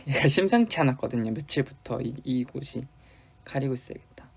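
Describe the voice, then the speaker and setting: On his fan livestream, a young idol from Busan talks briskly in a medium-pitched, animated voice that's creaky with a breathy edge. His light Busan Gyeongsang accent colors loose, playful replies to comments, broken by sudden quiet murmurs.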